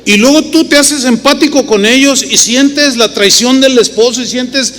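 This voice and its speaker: A man's voice: very high voice, normal speed. A middle-aged man with a Mexican accent, preaching a sermon as pastor and telling stories with rhetorical questions. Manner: animated storytelling with rhetorical questions. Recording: reverberant hall with faint noise.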